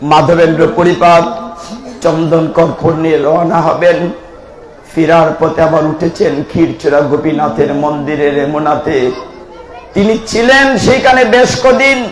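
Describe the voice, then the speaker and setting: Man, devotional preacher, high voice, fervent, echoey hall. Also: measured pace, a little hiss or hum. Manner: impassioned, rising to fervent calls and sung chants. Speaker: Gita preacher. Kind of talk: devotional sermon with chanting.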